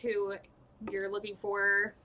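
A young woman runs a tabletop game on a live stream, talking at a slow, unhurried pace. Her voice has a bright, sharp edge. She stops and restarts often, padding her narration with ums and laughing at her own slips. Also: medium pitch, monotone, muffled recording, a little hiss or hum. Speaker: dungeon master.

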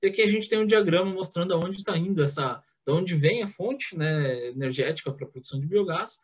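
Man, thirties, speaks a bit high, presents in a hesitant way full of fillers, headset mic on a video call. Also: lively intonation, a little fast, husky. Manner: hesitant, frequent filler sounds and restarts. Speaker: president of a biogas association giving a talk. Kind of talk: online conference presentation.

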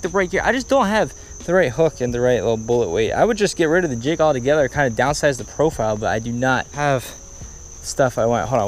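A man in his twenties chatting excitedly to viewers on an outdoor fishing vlog, slangy and upbeat, recorded on an action camera by a pond. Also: mid-range voice, slight background noise. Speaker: fishing vlogger. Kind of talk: casual outdoor vlog commentary. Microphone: action camera, head-mounted and handheld.

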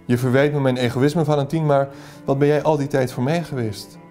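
A devoted young man pleading his love, read by a man from a novel. The speech is earnest and passionate, delivered in a dark, mellow voice at an ordinary middle pitch. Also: steady tone, brisk, soft background music, close to an everyday voice. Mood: ardent.

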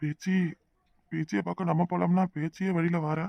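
Woman acting old village man, gravelly, grumpy, curt, southern Tamil Nadu village accent, dry close sound. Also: fairly low pitch, little pitch movement, brisk, warm tone, no echo, lo-fi sound, voice pushed down. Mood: scornful. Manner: curt and scolding.

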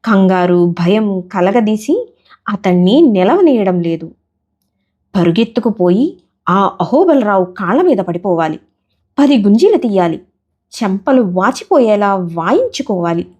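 Slow-paced woman telling a comic story. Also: medium pitch, big pitch swings, mellow.

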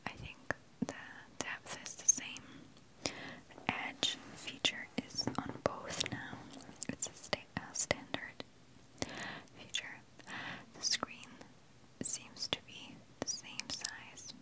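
A woman whispering throughout in a breathy ASMR style, musing aloud in a tentative, unhurried way as she compares products, close to the mic. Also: rough recording. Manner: talks with a candy in the mouth. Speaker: ASMR video creator.

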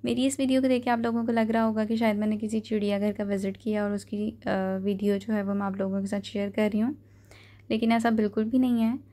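Young woman vlogging, easygoing and unhurried, lots of umms, pretty monotone. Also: mid-range voice. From Pakistan. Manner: relaxed, hesitant with many fillers. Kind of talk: casual voice-over review.

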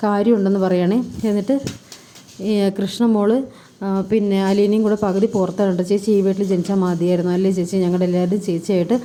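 A woman's voice: mid-range voice, little pitch movement, quick pace, mellow, a little hiss or hum. A woman vlogger casually retelling a TV serial episode in a chatty way, lightly acting out the characters' dialogue. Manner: chatty, keeps adding a tag word at line ends, acts out the dialogue lightly.

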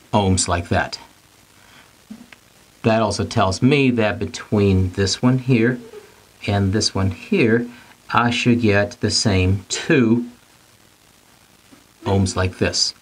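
A middle-aged man with a fairly low voice gives an informal whiteboard lesson on a technical subject, caught on a low-quality recording. He's a plain-spoken instructor who goes step by step, repeating and rephrasing his points.

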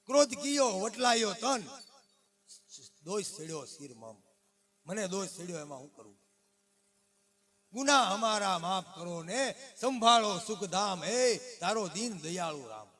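A man performing a devotional kirtan, slowly singing verses and retelling the story in speech, calling his listeners "bapa". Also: sits high, animated. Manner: alternates slow sung verses with spoken retelling, addresses listeners as bapa. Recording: music playing loudly behind the voice.

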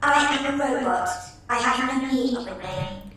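A woman voicing a female robot ship assistant from a game voice pack, speaking in a flat, literal, matter-of-fact way. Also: high-pitched, moderate pace, roomy sound, far from the mic, soft background music.

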